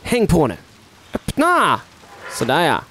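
A man giving chatty let's-play commentary on a horror game, filling silences with talk and switching between hushed whispers and loud yelps. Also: mid-range voice, sing-song, gravelly, background noise. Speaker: gaming YouTuber.

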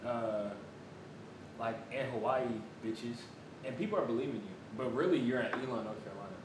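A man's voice: animated, fast. Young American man chatting while chewing, distant echoey recording. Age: 20s. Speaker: food reviewer. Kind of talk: casual food review chat. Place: small bare room at a table, indoors. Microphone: camera several feet away. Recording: echoey room, distant mic, clear rumbling noise.

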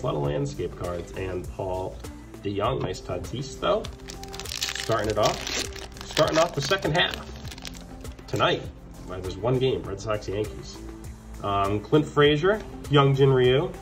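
Background music accompanies an unhurried card collector with an animated mid-range voice. Casually opening trading card packs, he announces each card and turns upbeat whenever a good one shows up.

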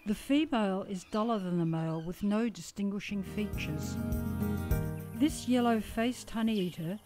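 A woman with an Australian accent giving calm, scripted nature documentary narration as a voice-over. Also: mid-range voice, a little slow, loud music behind the voice.

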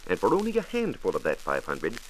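An American science reporter narrates a scripted 1940s radio programme formally, precisely and emphatically, heard on a faintly noisy transcription disc of the era. His low voice swings hugely in pitch and runs a little fast.

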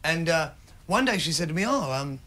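A middle-aged man doing stand-up, telling a rambling story with sudden shouted bits, recorded live on stage. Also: fairly high pitch, lively intonation, a little fast. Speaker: stand-up comedian. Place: comedy stage before an audience.

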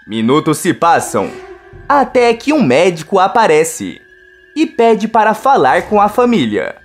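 A woman narrating a soap opera recap in a slow, steady storytelling manner. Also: fairly low pitch, soft background music.

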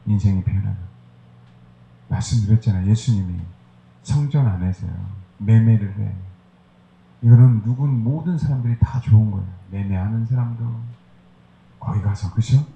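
A man's voice: on the low side, normal speed, creaky, long pauses, dark tone, reverberant, dull audio, a little hiss or hum. A male pastor preaching a sermon, hammering his points with rhetorical questions to the congregation.

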